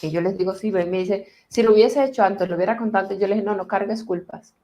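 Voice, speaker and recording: A woman therapist with a mid-range voice explains family patterns in conversation. She is calm and deliberate, slowing down as she guides listeners through a healing exercise.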